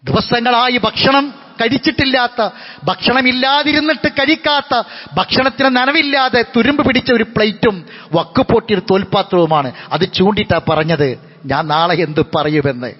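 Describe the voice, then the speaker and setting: A man with a Malabar Malayalam accent giving a Friday sermon, impassioned, repeating phrases and chanting verses, his voice swinging between high emphatic lines and low quiet ones. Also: moderate pace. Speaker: preacher. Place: mosque hall. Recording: long mosque reverb, dull lo-fi sound.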